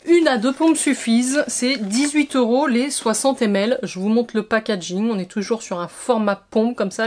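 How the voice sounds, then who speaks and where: A woman vlogger unboxing and reviewing skincare products, talking chattily and listing details in short bursts. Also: a little high. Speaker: beauty vlogger.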